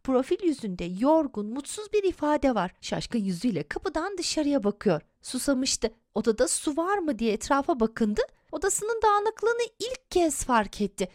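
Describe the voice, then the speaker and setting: A woman reads a children's comic book aloud with careful, measured pacing, describing each picture. Her voice sits fairly high and moves through a wide, lively melody. The sound is dry and close to the mic. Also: no room sound. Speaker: audio description narrator.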